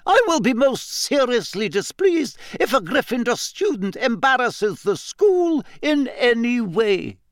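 A man's voice: extremely high pitch, sing-song, a little slow, few pauses, dry recording, studio quality, pitched above the performer's own voice, exaggerated voice. A man reading an audiobook and voicing a strict, stern older female professor with clipped, disapproving, firm delivery. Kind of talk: audiobook character voice.

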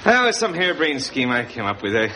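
A pompous, animated sitcom know-it-all. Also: male voice, medium pitch, fast, rough recording. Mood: dejected. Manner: pompous, long-winded, hesitant with filler words. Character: chatty, bumbling know-it-all barfly postman, joking and needy. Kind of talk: sitcom acting before a live audience. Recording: loud studio audience noise and laughter.

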